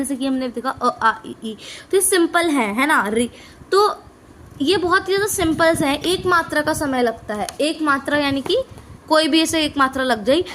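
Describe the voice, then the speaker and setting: Woman teacher, high bright voice, patient explainer, faint hiss behind. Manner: patient, repeats points with "है ना" and "ठीक है"; mixes English words into Hindi. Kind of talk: explaining Hindi grammar lesson.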